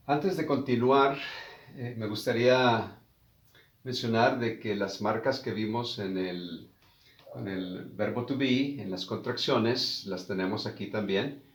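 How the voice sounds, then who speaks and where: A male teacher talks a beginner class through English phrases, repeating each one with slow, careful emphasis. His voice sits at a middle pitch and carries an echo from the room around him. He keeps a plain classroom manner throughout. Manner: slow, deliberate drill of example phrases.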